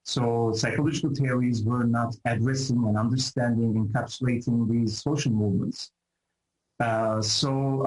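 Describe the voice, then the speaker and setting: A man's voice: mid-range voice, darkish tone, echoey room, poor audio. A middle-aged man from Turkey with a Turkish accent, a professor answering interview questions in a hesitant, reflective way with many fillers and restarts. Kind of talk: thoughtful academic interview answers.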